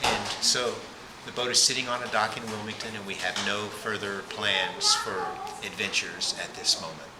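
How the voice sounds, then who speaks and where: Low-voiced man in echoey noisy room. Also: steady tone, moderate pace, hardly any pauses. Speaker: interviewee, sailor. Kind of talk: casual interview. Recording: echoey room, loud party noise.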